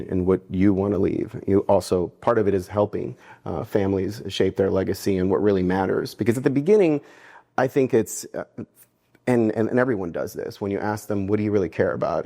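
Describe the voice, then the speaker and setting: Man, forties, low voice, warm and mellow, earnest interview guest, reflective, frequent restarts. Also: creaky. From United States (New Jersey). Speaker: interview guest, philanthropy fundraiser. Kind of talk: conversational interview answers.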